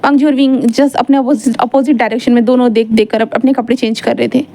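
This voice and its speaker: A woman's voice: on the high side, fairly even intonation, fast talker, dark tone. A woman casually retelling a fan fiction story, chatty and mixing English words into her narration.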